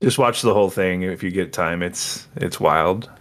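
A man's voice: low voice, normal speed, fairly bright tone. A man talking as a podcast guest in casual chat, blunt and opinionated, swearing freely.

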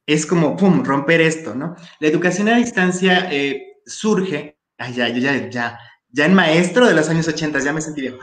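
A man's voice: a little high, roomy sound. A man with a Mexican accent, speaking emphatically in an interview about education and repeating his key phrases. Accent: Mexican Spanish. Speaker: education guest. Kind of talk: opinionated interview talk.

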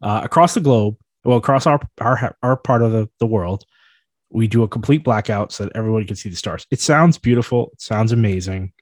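A man's voice: fairly low pitch, fairly quick, no room sound. A man from the New York City area co-hosting a podcast, riffing playfully in casual chat. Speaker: podcast co-host.

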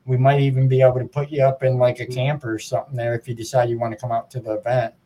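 A man's voice: medium pitch, little pitch movement, very fast, warm tone. Friendly chatty male podcast host. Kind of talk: casual podcast interview.

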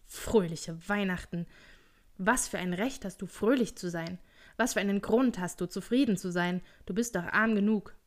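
A woman voicing a grumpy, miserly old man in a storybook reading, with gruff, scornful, slow speech. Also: medium pitch, close to an everyday voice.

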